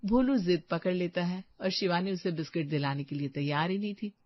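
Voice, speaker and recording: A woman's voice: on the low side, a little fast, dry recording, lo-fi sound. Woman narrating a cartoon story.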